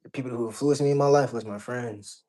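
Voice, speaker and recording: A man from Georgia in the US chats casually as an interview guest, blunt and full of slang, swearing plenty. His voice is medium-pitched and warm, and he talks fast.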